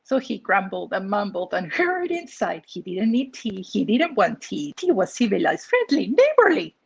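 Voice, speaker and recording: Reading her picture book with expressive storytelling and asides, the Peruvian author speaks in a Peruvian accent at a moderate pace. Her mid-range voice sounds creaky and husky, with no echo.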